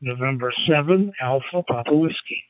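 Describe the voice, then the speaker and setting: A man from the United States speaking as an amateur radio operator over two-way radio, making unhurried procedural calls and spelling in phonetic alphabet. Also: medium pitch, no room sound. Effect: two-way radio, walkie-talkie sound. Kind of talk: ham radio contact, unhurried procedural call. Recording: narrow phone-like radio audio, distant.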